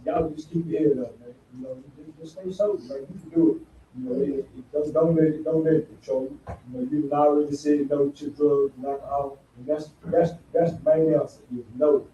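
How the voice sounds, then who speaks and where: A man in his fifties giving a plain, halting testimony to a recovery group, pausing often. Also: a little high, fairly even intonation, echoey room, far from the mic, muffled recording, a little hiss or hum. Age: 50s. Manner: plain, halting, repeats himself with many "uh"s. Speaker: recovery house resident. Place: recovery house meeting room.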